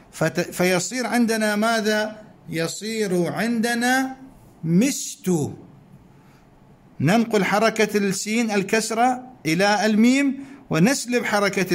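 Male teacher, higher voice, patient step-by-step explainer who repeats points and quizzes his listeners. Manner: slow, repeats points, asks questions of listeners. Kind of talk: recorded grammar lesson.

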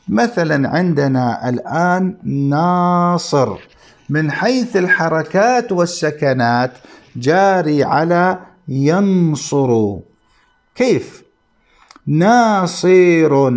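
A male grammar teacher with a somewhat high voice lectures at an unhurried pace. He spells out each point deliberately and repeats terms for his class. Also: a little mellow. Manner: slow, deliberate explaining with repetition, addressing students.

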